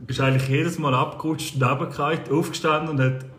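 A man's voice: a little high, fairly even intonation, fast, a bit bright, reverberant. A man with a Swiss German accent telling blunt, casual stories in a chat among friends. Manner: storytelling, blunt and swearing.

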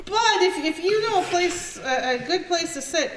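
A woman narrating as game master, pausing often with fillers and correcting herself mid-sentence. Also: extremely high pitch, expressive. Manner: halting, frequent fillers and self-corrections. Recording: echoey room, off-mic, background noise.

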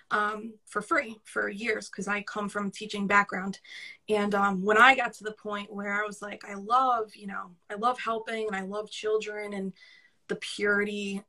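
A woman with a strong New York accent, talking in a bright, crisp voice. She is candid and chatty, laughing easily and dropping the odd swear word in a relaxed interview. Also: mid-range voice. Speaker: podcast guest, career coach. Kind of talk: casual conversational interview.

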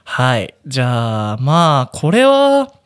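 Man, podcast co-host, lively up-and-down pitch, laughs a lot, casual chat. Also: slow pace, clear, resonant tone. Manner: laughs often, explains gear eagerly.

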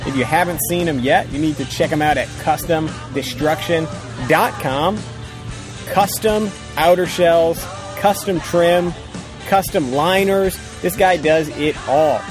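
A man's voice: fairly high pitch, unhurried. A man co-hosting a casual podcast outdoors, with profane, informal, upbeat banter and sponsor plugs. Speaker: podcast co-host. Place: outdoors on a ranch. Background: music.

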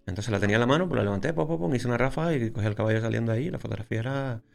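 A photographer, telling stories in a casual interview and acting out scenes with sound words. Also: male voice, medium pitch, rapid-fire, creaky. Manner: lively storyteller, acts out scenes with sound words. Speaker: photographer guest.

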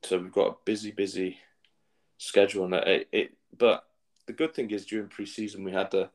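A man's voice: on the low side, flat delivery, moderate pace. A man from England co-hosting a football podcast in casual chat, often stammering and restarting. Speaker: podcast co-host.

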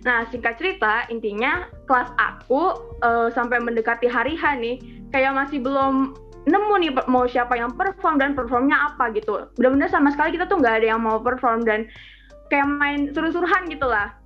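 A woman's voice: high voice, brisk. A teenage girl giving a church testimony in an earnest, chatty way, full of filler tags. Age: teens. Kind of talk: church testimony, casual storytelling. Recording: muffled lo-fi audio with faint music.

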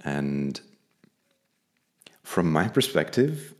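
A man's voice: a bass voice, sing-song. A man from Belgium, speaking candidly and thoughtfully as an interview guest. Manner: thoughtful, candid, slow and measured. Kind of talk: reflective personal interview.

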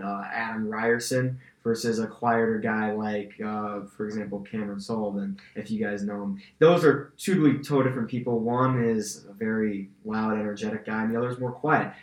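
A teenage American male student speaks casually in answer to podcast questions. His pitch is a little low. The recording carries strong room echo. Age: teens. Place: indoor school podcast studio. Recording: roomy, reverberant room sound.

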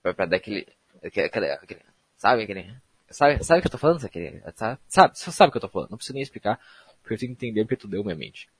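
A man's voice: lowish voice, sing-song, rapid-fire, husky, dry recording. A young man from Brazil, hosting a solo podcast in a rambling, slangy, self-mocking way. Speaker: podcast host. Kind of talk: casual solo podcast monologue.

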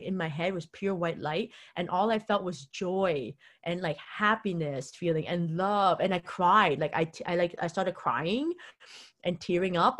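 A young woman rambling through a personal story in an animated, casual way. Her voice sits a little low for a woman, and she keeps acting out her own past reactions in quotes. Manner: rambling, animated, full of fillers and quoted self-talk. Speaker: vlogger.

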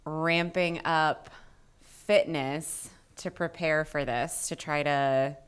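A woman's voice: deep voice, fairly even intonation, takes it slowly, clear, resonant tone. A woman co-hosting a casual fitness podcast, explaining ideas in a chatty way. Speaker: podcast co-host, coach.

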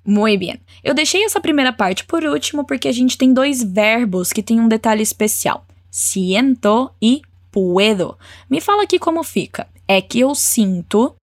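Woman teaching spanish, says phrases slow and clear, cheers you on, dry close sound. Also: fairly high pitch, lively intonation, dry recording. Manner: encouraging, models phrases slowly and clearly. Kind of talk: language lesson with repeat-after-me drills.

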